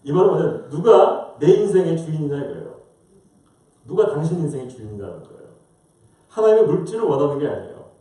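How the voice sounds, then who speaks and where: A male pastor delivers a sermon with a lively, rising and falling delivery, asking the congregation question after question. His tone is dark and mellow. He sounds distant from the microphone, in a large church with strong echo. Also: a little high, fast talker. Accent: Korean-American. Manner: rhetorical questions, acts out voices. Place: church sanctuary. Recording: roomy distant church mic.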